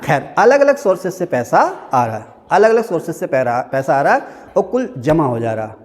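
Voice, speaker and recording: A man's voice: on the high side, big pitch swings, fairly quick. A man teaching an economics class in a classroom, joking and quizzing his students in a conversational way. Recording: hall reverb.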